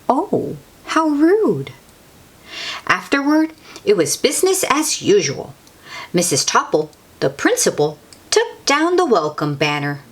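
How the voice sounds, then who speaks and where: A woman with a slightly rough, mid-range voice reads a picture book aloud to children. She reads expressively, drawing out words and adding chatty asides for her young listeners.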